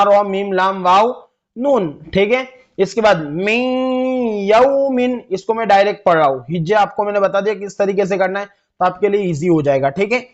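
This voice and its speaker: A man's voice: high-pitched, lo-fi sound. A man teaching Quran reading who drags out each syllable as he spells words. He asks questions and answers them himself. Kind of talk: step-by-step recitation lesson.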